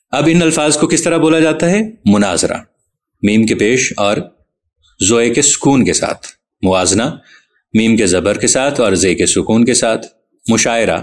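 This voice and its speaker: A man hosting and narrating a scripted lecture, explaining in a measured way and reading out lists of words deliberately. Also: mid-range voice. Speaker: host.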